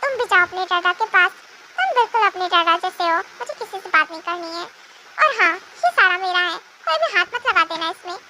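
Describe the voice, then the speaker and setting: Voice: extremely high pitch, expressive, brisk, pushed and bright, full character voice. A fan dubber voicing a moody, childish pregnant young wife who whines and speaks of herself in the third person. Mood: sulky. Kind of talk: amateur fan dub. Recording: noisy home recording.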